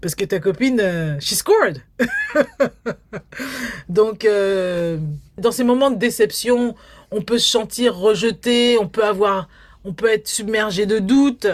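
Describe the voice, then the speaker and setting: A woman's voice: medium pitch, slow, pauses often. A woman documentary filmmaker from Guadeloupe, speaking in an interview and acting out the inner thoughts she quotes. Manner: animated storyteller, acts out quoted inner thoughts. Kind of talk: interview conversation.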